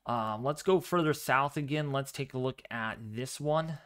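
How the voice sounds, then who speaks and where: Speaking quietly yet clearly, a livestream weather host covers severe weather and talks with his viewers. He is calm and fairly monotone, with a medium-pitched voice and an unhurried delivery.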